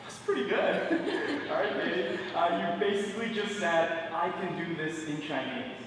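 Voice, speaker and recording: A man's voice: fairly high pitch, big pitch swings, normal speed, noisy background. Young male magician, playful stage patter, echoey theater recording. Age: 20s. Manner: playful, joking with an audience volunteer. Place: large indoor theater stage. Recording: echoey theater hall, distant mic.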